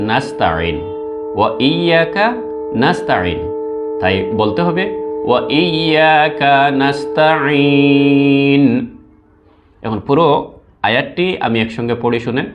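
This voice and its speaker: A man teaching recitation, breaking words into parts, repeating them slowly and drawing out each recited phrase. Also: mid-range voice, highs cut off. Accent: Bangladeshi Bengali. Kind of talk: slow step-by-step pronunciation lesson.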